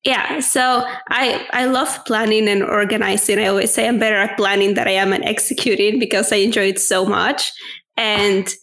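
A Venezuelan woman in her twenties, a native Spanish speaker, answers a podcast interview candidly and openly, often using fillers like "like" and "um." Her mid-range voice is steady and a bit bright, moving at a moderate pace.

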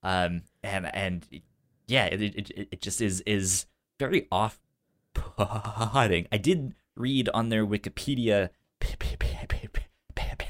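A man co-hosts a film podcast, chatting casually and enthusiastically about movies. His voice sits on the low side and he takes it slowly, with a stutter that repeats sounds and syllables.

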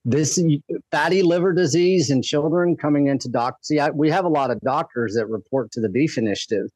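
A man's voice: on the high side, brisk, darkish tone, dry recording. A man speaking as an interview guest, making his case in an emphatic, blunt, impassioned way. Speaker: podcast guest, food activist.

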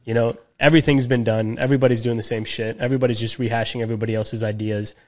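A man's voice: medium pitch, little pitch movement, rapid-fire, darkish tone. A man co-hosting a podcast in casual chat, talking loosely with slang and frequent restarts. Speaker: podcast co-host.

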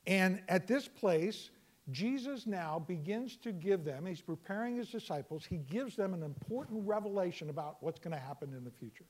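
High-voiced man teaching Bible verses. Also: expressive, moderate pace. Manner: bursts into loud exclamations; explanatory, repeats key phrases.

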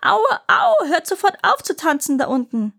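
A woman voicing a huge, grumpy male elephant who shouts and complains, in a storybook reading. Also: medium pitch, expressive, normal speed. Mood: pained shouting.

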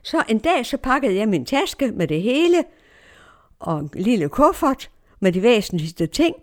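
Older Danish woman, personal storytelling, vivid, acts out the voices of the people she quotes. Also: medium pitch. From Denmark. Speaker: storyteller recounting her own life.

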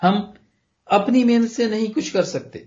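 A man preaching a sermon with earnest conviction, his voice rising and falling between loud and hushed as he calls his listeners dear ones. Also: sits high, muffled recording. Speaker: pastor.

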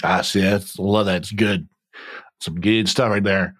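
A man's voice: sits low, fairly even intonation, a little slow, fairly bright tone. A man hosting a business podcast, asking long, friendly questions with fillers. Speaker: podcast host. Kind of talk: conversational podcast interview.

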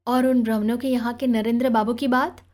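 A woman's voice: on the high side, level tone, fairly quick, lightly acted. A woman voicing a proud, restrained young mistress of a house who speaks curtly and sharply. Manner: curt and sharp.

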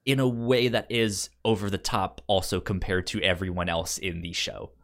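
A man's voice: low voice, fairly even intonation, normal speed, a bit bright. A man co-hosting a podcast who stammers and restarts his sentences often. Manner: stammering, many restarts and fillers. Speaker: podcast co-host. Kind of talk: casual chat.

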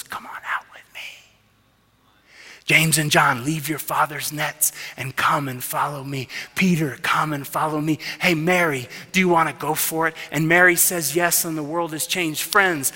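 A man in his thirties preaching a sermon as pastor, passionate, dropping to a hush and then rising loud. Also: sits high. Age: 30s. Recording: reverberant hall.

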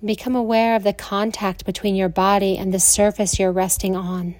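An American woman teaching yoga nidra, guiding rest slowly and soothingly like a sleep story narrator, with spacious pauses. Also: mid-range voice, level tone, a little mellow, no room sound. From lives in southern Colorado, United States.

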